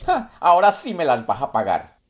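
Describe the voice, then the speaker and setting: Guy doing a sneaky little monkey, high and bouncy, kinda cocky. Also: very animated, normal speed, darkish tone. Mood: vengeful. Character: sly clever male monkey trickster.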